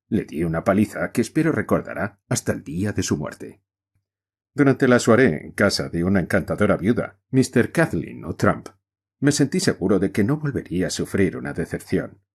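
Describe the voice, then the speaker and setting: Man, audiobook narration, expressive storytelling, husky, lower pitched.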